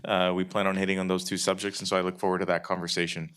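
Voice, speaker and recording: Deep smooth-voiced man. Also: racing. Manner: steady, businesslike, some fillers. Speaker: city staff member giving announcements. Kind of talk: formal announcements at a council meeting.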